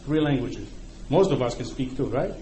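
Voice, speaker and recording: A middle-aged man with a Polish accent, originally a Ukrainian speaker and from Poland, addresses a congregation in a conversational sermon, frequently checking in with those listening. He speaks at a moderate pace in an expressive, medium-pitched voice. The space sounds echoey, with faint background noise.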